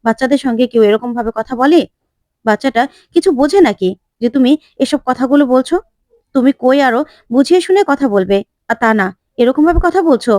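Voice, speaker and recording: A woman's voice: high voice, lively intonation, brisk, pauses often, a little mellow, no echo, clean studio sound. A woman voicing a young husband who chides his wife and reasons with her. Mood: chiding. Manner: chiding, reasoning.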